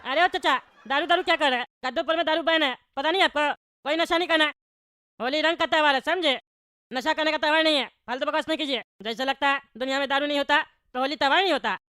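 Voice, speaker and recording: A woman's voice: high voice, fast, pushed and bright, no room sound, studio quality. A woman voicing a bald, short-tempered male politician in a cartoon, always scolding. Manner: scolding, indignant. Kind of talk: cartoon voice acting.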